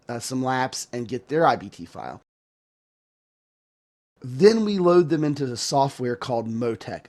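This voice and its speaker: The host of a sim racing channel chats casually to his viewers on camera, his voice hoarse from a sore throat. His pitch is mid-range for a man with a darkish tone, and he rambles and restarts his sentences.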